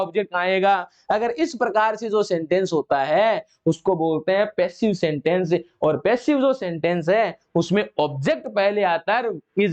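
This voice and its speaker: Man from India, grammar teacher, high-pitched, dull lo-fi recording, asks and answers his own questions. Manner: explains step by step, repeating questions and answers. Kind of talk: classroom grammar lesson.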